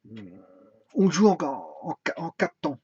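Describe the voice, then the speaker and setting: A man giving an informal music theory lesson, hesitant, with many fillers and restarts, now and then singing a phrase slowly. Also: fairly high pitch, huge pitch swings, dark tone, breathy edge, no echo. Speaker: music teacher. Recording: dry, dull lo-fi sound.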